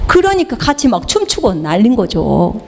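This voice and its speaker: A woman missionary preaching, telling a healing story with animated storytelling and acted-out dialogue in a church hall. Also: on the high side, normal speed, gravelly, slight background noise. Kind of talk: sermon testimony. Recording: long hall reverb.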